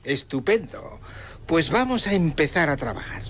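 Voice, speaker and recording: Pushy makeover-show presenter, played by a man: theatrical delivery, lively swooping pitch, audio drama with music bed. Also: normal speed. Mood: upbeat presenting. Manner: theatrical, goading. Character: pushy, showy male TV restaurant-makeover host. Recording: music under the voice.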